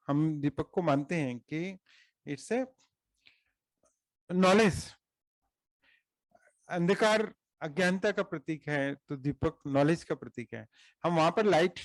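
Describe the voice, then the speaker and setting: Earnest Indian man with a gravelly voice. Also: fairly high pitch, no room sound. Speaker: speaker at a study circle meeting. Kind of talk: explanatory talk on Indian customs.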